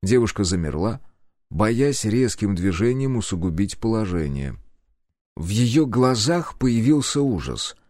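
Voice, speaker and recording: A man narrating a first-person audiobook in a grim, deliberate, menacing way. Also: fairly low pitch, big pitch swings, a little mellow, no echo, clean studio sound.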